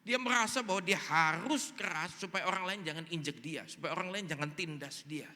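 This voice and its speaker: A male pastor preaches a sermon in a large church hall, telling a story animatedly and acting out the dialogue. His voice is high, brisk, bright and forceful. Long reverb from the big hall fills the recording.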